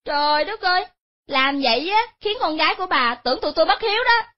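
A woman voicing spiteful daughters-in-law who scold in a shrill, nagging way. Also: expressive, quick pace. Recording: dull lo-fi recording.

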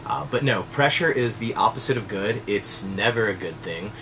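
A man in his thirties, a fly fishing guide, explaining things to camera in a relaxed, conversational way with casual fillers, seated at a desk indoors. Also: lowish voice, moderate pace, noisy background. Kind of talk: direct-to-camera instructional talk.

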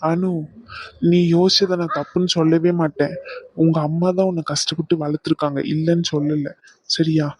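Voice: mid-range voice, little pitch movement, brisk, darkish tone, natural voice. A voice actor playing a hot-tempered young man in a cartoon, talking bluntly and heatedly. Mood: hurt, earnest. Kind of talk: Tamil cartoon dubbing.

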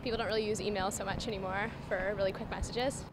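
A woman's voice: mid-range voice, fairly even intonation, quick pace, background noise. A young female student answering street interview questions outdoors in a thoughtful, hedging way. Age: young adult. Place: outdoors on campus.

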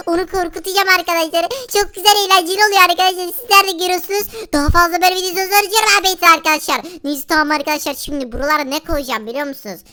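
A squeaky, bright-voiced little prankster boy, as a man puts him on in a Minecraft role-play. He talks straight to the viewers with a gleeful, giggly edge. His voice sits very high and sharp. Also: exaggerated voice. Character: mischievous young boy pranking his dad.

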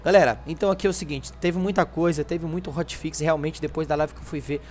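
Talking at a quick pace in a steady tone, a Brazilian man with a voice on the high side narrates a casual video game walkthrough for his gaming channel. There's slight background noise, and his informal, chatty speech is full of little check-in tag questions.

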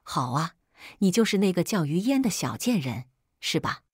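A woman's voice: on the low side, big pitch swings, normal speed, husky, no room sound, studio quality. Woman voicing an enraged, screeching middle-aged mother. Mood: furious. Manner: shouting insults, screeching accusations. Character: furious coarse middle-aged mother, shrill and abusive.

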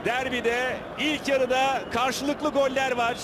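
A Turkish man commentates on live football over loud outdoor noise. His voice sits extremely high for a man, and he delivers the play in urgent, dramatic bursts as an excited, screaming commentator. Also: slow pace. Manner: screaming, excited shouting at chances and goals.

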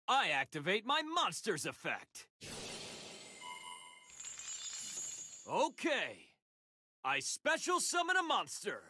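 A man's voice: high voice, background noise, full character voice. A man voicing a determined, hopeful young hero duelist in an anime card game, earnest and emphatic. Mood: defiant. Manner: earnest, emphatic, slow deliberate battle declarations. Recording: game music behind the voice. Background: game music.

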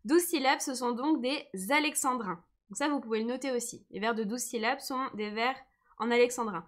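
A woman's voice: on the high side, moderate pace. A woman teaching a live online lesson, patient and encouraging, who says she is tired today. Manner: patient, encouraging, reads comments aloud.

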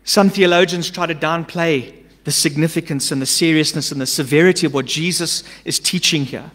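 A middle-aged man preaching a sermon from a church stage into a stand mic, emphatic, swinging between urgent loud lines and hushed asides. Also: on the high side, steady tone, brisk. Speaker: pastor. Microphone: stand mic at a pulpit. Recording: long church-hall reverb.

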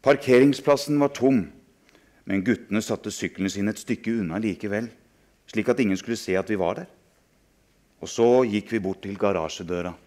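A man with a low voice reads a passage from a novel aloud. He tells it in a hushed, dramatic way, letting the tension build in his voice. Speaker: author reading aloud. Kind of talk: dramatic reading of a novel excerpt.

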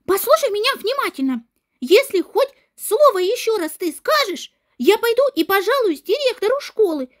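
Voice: very high-pitched, sing-song, moderate pace. A performer voicing a schoolgirl who scolds and threatens a bully in a game role-play. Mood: scolding. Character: fierce schoolgirl defending her classmates.

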